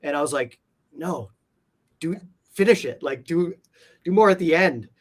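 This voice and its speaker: In an unhurried, higher-pitched voice, a comic art collector being interviewed tells wandering, easygoing stories packed with casual filler words.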